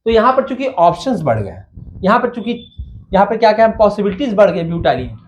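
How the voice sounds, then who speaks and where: Man teaching chemistry, fairly high voice, asks and answers his own questions, counts carbons slowly, dull lo-fi sound. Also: very animated. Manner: addresses students as "bachcha" and "babu", asks and answers own questions. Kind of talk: Hindi-English lecture. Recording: dull lo-fi sound with faint noise.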